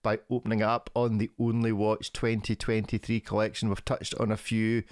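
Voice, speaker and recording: A man's voice: lowish voice, completely flat delivery, moderate pace, darkish tone, no room sound, clean studio sound. A man hosting a casual podcast chat, teasing his guests and laughing often. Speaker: podcast host.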